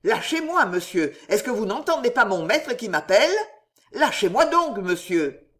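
A woman's voice: on the low side, sing-song, measured pace. A woman voicing a cheeky young manservant who talks in an encouraging, wry way.

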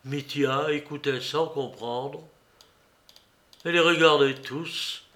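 A man narrating a classic novel in a deliberate reading manner. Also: fairly high pitch, fairly even intonation, bright, forceful tone. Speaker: audiobook narrator.

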